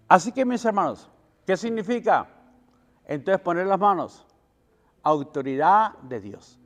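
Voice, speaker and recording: High-voiced preaching pastor in a reverberant hall. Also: male voice. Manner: preaching with call-and-response questions and swells in volume. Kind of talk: sermon.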